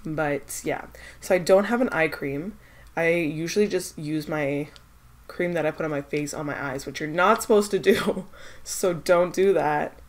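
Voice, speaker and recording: A young woman with a deep voice and measured pace vlogs about skincare samples, congested from a cold. She's a beauty vlogger doing a casual product test, chatty and hesitant, using lots of fillers as she works through her thoughts out loud.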